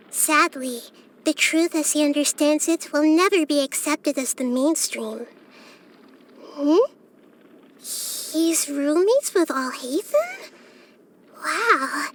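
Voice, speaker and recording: In this scripted game line, the tiny young-girl deity sounds mildly surprised. Her high, girlish voice stays gentle and earnest, her phrasing measured, carrying a wisdom beyond her sound and a steady curiosity about people and the world.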